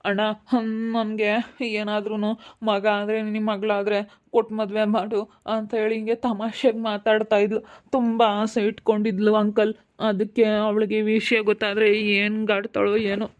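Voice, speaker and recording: A woman's voice: medium pitch, completely flat delivery, a little slow, lightly acted. An actress playing a sorrowful woman relative who consoles the family.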